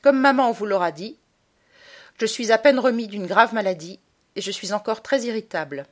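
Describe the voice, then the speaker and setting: A woman's voice: medium pitch, moderate pace, voice pushed up, lightly acted. A woman voicing a stern, cold mother in an audiobook, with curt, commanding speech. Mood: dictating. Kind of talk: audiobook character voice.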